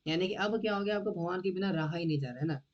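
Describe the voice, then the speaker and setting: A man giving a devotional lecture in a conversational way, often checking whether his listeners follow and often clearing his throat. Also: sits high, racing, muffled recording. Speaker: devotional teacher.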